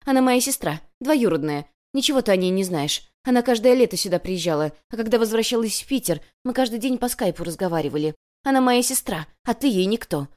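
A woman's voice: a little high, lively intonation, brisk, few pauses, a little mellow, voice pushed up, lightly acted. Woman doing a shrieking, vengeful teenage girl. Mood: furious. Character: furious jealous teenage girl with knife.

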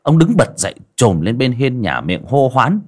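A man narrating a folksy story in an expressive, vivid way. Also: mid-range voice, normal speed.

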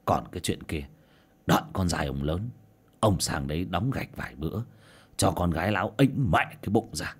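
A cunning, money-hungry old villager from a spoken folk tale, voiced by a male narrator. He mutters low and sly with quiet chuckles, his pitch swinging widely. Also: big pitch swings, a little slow, husky, heavily acted. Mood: sly scheming. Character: scheming greedy old village man, sly.

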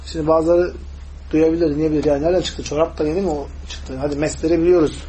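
Brief: male religious teacher, quick explanatory delivery with questions to the class, faint background noise. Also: fairly high pitch, little pitch movement, dark tone, low-quality recording. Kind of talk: hadith lesson with Arabic recitation.

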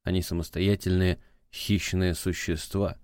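Low-voiced man narrating an audiobook. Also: flat delivery, a little slow, darkish tone, no echo, studio quality. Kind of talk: scripted narration.

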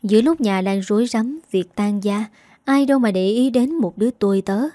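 A woman narrating a dramatic scripted story in a steady storytelling manner. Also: medium pitch, moderate pace, no room sound, studio quality.

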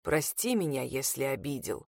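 A woman reading an audiobook voices a wounded male lover who speaks in a weary, tender hush. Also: fairly high pitch, measured pace, dry recording, clean studio sound, voice pushed down.

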